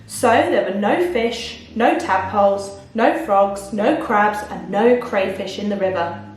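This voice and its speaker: In a very echoey room with the microphone far away, a woman with a mid-range voice reads a children's story a little slowly, with slight hiss or hum in the audio. Teacher-like and expressive, she breaks off to put questions to the children listening.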